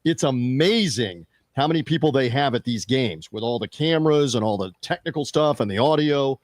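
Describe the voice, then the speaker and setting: A man hosting a sports media podcast, chatting casually with fillers and quick restarts. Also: mid-range voice, expressive, no echo. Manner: conversational, fillers and restarts, reads out show plugs.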